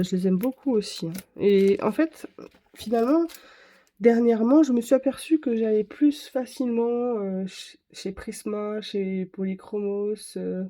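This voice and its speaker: Chatty woman with a mellow voice. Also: medium pitch. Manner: chatty, rambling with self-corrections and fillers. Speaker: craft vlogger. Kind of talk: casual chat to camera.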